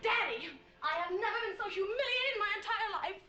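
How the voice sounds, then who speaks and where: Spoiled ranch daughter, indignant, theatrical, very high voice, lively swoops. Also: female voice, fairly quick, muffled recording, loud music behind the voice. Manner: indignant, theatrical, shrill outbursts. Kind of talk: 1960s western film acting.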